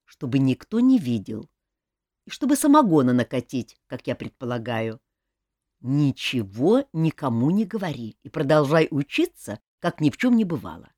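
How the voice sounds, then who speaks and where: A woman's voice: rumbling low, very animated, normal speed, mellow, no echo, clean studio sound, full character voice. Woman reading as an anxious loyal courtier. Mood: hurried. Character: loyal young male courtier, hurried and anxious. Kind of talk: audiobook character reading.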